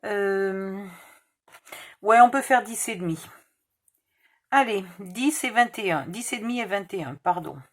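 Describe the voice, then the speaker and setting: A woman's voice: medium pitch, a little slow, pauses often. A woman with a slight Provençal accent, hosting a casual crafting tutorial, thinking aloud over measurements and correcting herself. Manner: muttering measurements, self-correcting.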